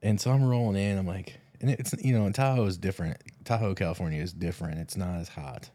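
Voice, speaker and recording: A podcast co-host, a man with a very low voice, tells easygoing stories full of restarts. He sounds tired after a red-eye flight. The recording is dry and close, with no room sound. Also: fairly even intonation, quick pace, mellow, no room sound. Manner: laid-back storyteller, frequent restarts. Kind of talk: casual chat.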